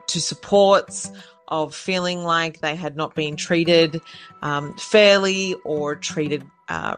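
Aussie woman being interviewed, low voice, careful wording, music under it. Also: fairly bright tone. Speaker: refugee legal service director. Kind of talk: formal interview comment.

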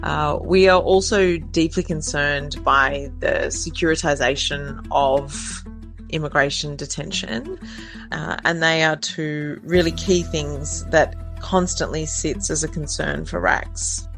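A woman's voice: low voice, takes it slowly, creaky, fairly bright tone, soft background music. A woman, a legal service director, giving formal interview comment in careful, hesitant phrases.

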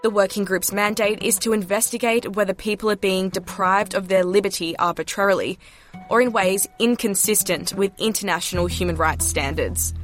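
A woman's voice: mid-range voice, moderate pace, soft background music. A woman news reporter, delivering scripted news narration.

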